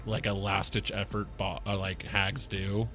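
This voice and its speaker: A man's voice: lowish voice, monotone, measured pace, bright, forceful tone, faint music behind. A man playing a tabletop game, casual and jokey as he rolls dice. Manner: easygoing, jokey. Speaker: player.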